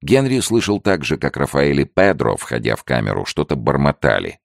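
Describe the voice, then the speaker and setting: A man reading an adventure story aloud in measured, expressive scripted narration. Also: very deep voice, creaky, dry recording, studio quality. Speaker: audiobook narrator.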